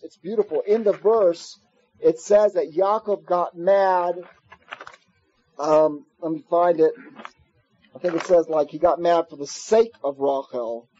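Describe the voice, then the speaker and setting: A man giving a Torah class, explaining verses in a conversational way and telling stories with lively asides, on an old tape recording. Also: sits high, highs cut off. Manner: conversational, animated storytelling with asides. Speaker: Torah teacher.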